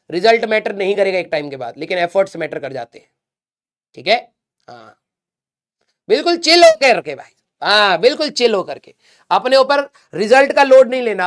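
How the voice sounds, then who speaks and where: A man's voice: high voice, fairly bright tone. A male teacher giving a blunt, scolding pep talk to exam students in colloquial with English words.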